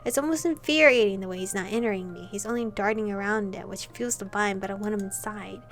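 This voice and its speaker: Reading a visual novel aloud on stream, a young woman voices the romance game's text playfully, breaking into flustered asides. She speaks at medium pitch and a fast pace, with faint music in the background.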